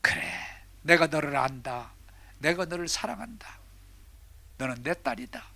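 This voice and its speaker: God as a tender, loving father, his voice dropping low and hushed, as a pastor acts Him out. The words come slowly and softly, in a bright, close and dry sound. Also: expressive, creaky, dry recording, heavily acted.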